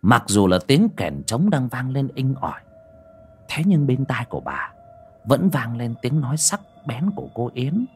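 A man narrating a horror story in a dramatic, expressive way. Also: mid-range voice, a little slow, soft background music.

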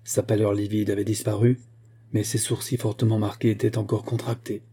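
A man narrating a classic novel as an audiobook reader, in a measured, even storytelling manner. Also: on the low side, slightly rough.

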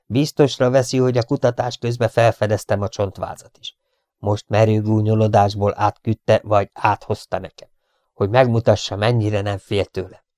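A man voicing an angry, scheming gentleman villain in an audiobook, snapping with contempt at his servant. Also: lowish voice, steady tone, dry recording, studio quality, lightly acted. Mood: irritated.

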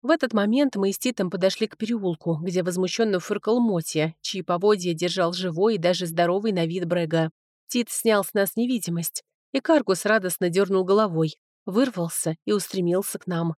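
A woman narrating an audiobook in the first person, with lively, expressive storytelling. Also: fairly low pitch, fairly quick, no room sound, studio quality.

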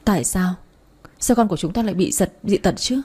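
A woman's voice: medium pitch, brisk, warm tone, breathy edge, close to an everyday voice. A woman doing a grief-stricken young wife. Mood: grieving. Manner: dazed, pleading. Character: grieving young wife who lost her baby.

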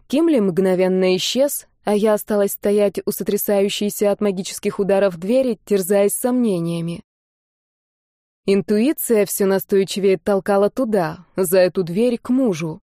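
A woman narrating a first-person fantasy audiobook in a steady, expressive reading. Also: mid-range voice, no echo, clean studio sound.

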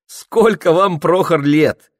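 A man reading an audiobook, voicing a playful young woman who teases and mocks in a high, lilting voice. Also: slow pace, no echo, studio quality. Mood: teasing. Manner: playful, mocking, rising high lilt. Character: teasing, laughing young woman.

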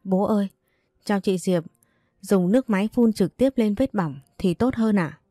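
A woman's voice: mid-range voice, moderate pace, dark tone, no echo, studio quality, lightly acted. A woman voicing a polite, earnest young wife who speaks deferentially. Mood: pleading.

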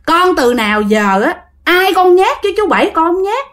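A woman with a Southern Vietnamese accent voicing a bitter, vengeful female ghost who scolds in a raised, shrill voice. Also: sing-song, normal speed, a bit bright, heavily acted. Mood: gentle pleading.

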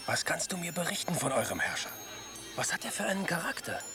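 A man's voice: on the high side, very animated, fast talker. A young man playing a curious foreign traveler asking probing questions. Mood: inquisitive. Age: young adult. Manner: inquisitive, probing. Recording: music underneath.

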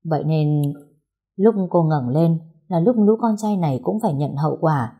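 A woman reading a story aloud as its narrator in a steady, even way. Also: low voice, normal speed, breathy edge, highs cut off.

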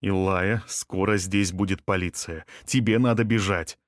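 A man's voice: deep voice, steady tone, measured pace, no room sound, clean studio sound. A man reading an audiobook, voicing a shaken police detective who speaks firmly and urgently. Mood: urgent firmness.

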